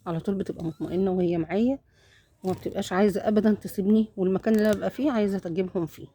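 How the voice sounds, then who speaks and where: A woman's voice: mid-range voice, fairly even intonation, rapid-fire, husky. A woman with an Egyptian accent filming her cat at home on her phone and talking fondly to viewers in a casual vlog. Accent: Egyptian Arabic. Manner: talks softly and fondly to the cat and kittens. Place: home bedroom.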